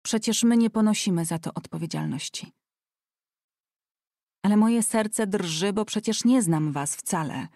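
A woman's voice: mid-range voice, measured pace, mellow, no room sound, studio quality, natural voice. A woman reading an audiobook voices a shy, devout young woman who lisps slightly like a child. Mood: timid.

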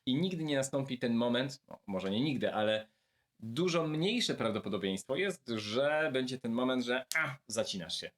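A man giving a video lesson, speaking directly and warmly to his viewers and slowly repeating words to show how to pronounce them. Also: mid-range voice, lively intonation. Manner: friendly, addresses viewers directly. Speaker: language teacher.

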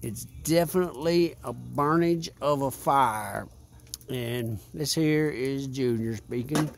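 A man's voice: medium pitch, takes it slowly, vocal fry, a little hiss or hum. A man hosting a casual outdoor beer review by a fire, rambling and repeating himself in a laid-back way. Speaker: vlog host.

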